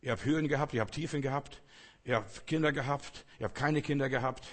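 A preacher voicing a contented old patriarch. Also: male voice, mid-range voice, a little fast, natural voice. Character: aged patriarch, content and fulfilled.

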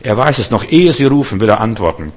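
A man preaching a conversational sermon, speaking to the listener directly and building to loud, emphatic outbursts. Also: medium pitch, very animated, fast. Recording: long reverb.

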